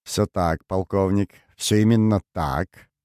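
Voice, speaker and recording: A man voicing a cheerful, self-assured male king in an audiobook, with a lively, lightly teasing manner. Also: sits low, takes it slowly, clean tone, dry recording, studio quality. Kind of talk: audiobook character voice.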